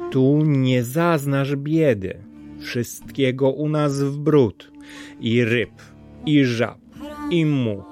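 A man's voice: medium pitch, darkish tone, natural voice. A man voicing a kindly old male turtle in a storybook reading, drawn out and hearty.

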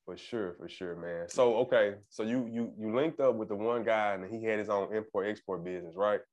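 A man interviewing a guest in a relaxed, casual way, often affirming and repeating himself. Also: fairly low pitch, brisk, dull audio. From Arkansas, US.

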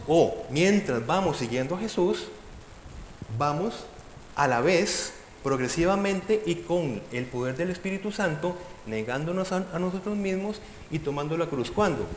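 A male preacher delivers an emphatic sermon, his high voice swinging up and down as he puts rhetorical questions to the congregation. The sound is roomy, with a long hall reverb. Faint noise sits underneath. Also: animated, moderate pace.

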